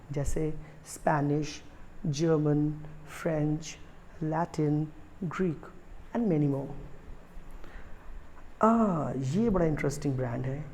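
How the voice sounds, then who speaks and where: Indian male pronunciation teacher, slow repeats. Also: high voice, mellow, slight background noise. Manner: explanatory, repeats each word slowly for emphasis; mixes Hindi and English freely. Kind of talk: online video lesson.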